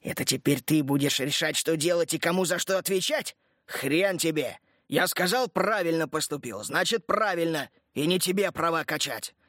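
Man voicing a gruff, blunt army captain. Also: on the high side, moderate pace, fairly bright tone, dry recording, studio quality. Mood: growling. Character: gruff, hot-tempered male army captain. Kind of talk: audiobook character reading.

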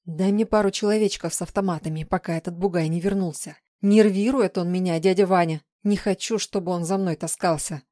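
A woman reading an audiobook, voicing a volatile, spiteful young woman who snaps and turns shrill. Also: fairly even intonation, fairly quick, few pauses, mellow, dry recording, clean studio sound, natural voice. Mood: urgent. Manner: snapping, spiteful, shrill when angry. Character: volatile, vicious young woman called the shadow. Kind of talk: audiobook character voice.

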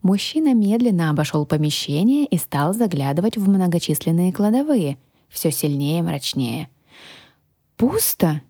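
Woman, audiobook narrator, low and husky, expressive, dry studio sound. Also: moderate pace, dry recording. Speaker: audiobook reader. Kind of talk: first-person fantasy audiobook narration.

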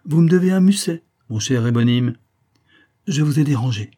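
A man's voice: mid-range voice, lively intonation, moderate pace, mellow, pitched above the performer's own voice, lightly acted. A man voicing a proud, impulsive young woman in a storybook reading, speaking curtly and haughtily. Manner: curt, haughty.

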